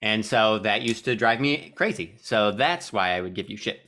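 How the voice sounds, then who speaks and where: A man's voice: lowish voice, animated, moderate pace, bright, forceful tone. A man co-hosting a casual podcast, talking bluntly and swearing casually. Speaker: podcast co-host. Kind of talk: casual chat.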